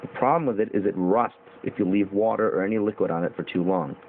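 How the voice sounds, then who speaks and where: A young man talks through a knife review in a loose, informal way, filling pauses with ums and uhs. His voice sits a little low. The audio is thin and phone-like, with a faint hiss underneath. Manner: rambling, informal, with fillers and mild swearing. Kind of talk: casual video review.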